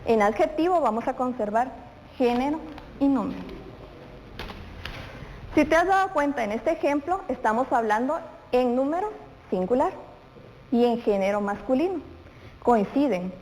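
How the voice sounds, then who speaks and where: Speaking straight to the pupil, this woman poses questions and then answers them in a televised grammar lesson for children; she is a primary school teacher. She sounds high-pitched, expressive and a little mellow, keeping a measured pace and pausing often. Faint noise sits in a reverberant room.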